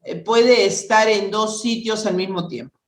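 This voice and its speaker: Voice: medium pitch, unhurried. Questioner in an echoey room. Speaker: questioner in study group. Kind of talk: asking questions.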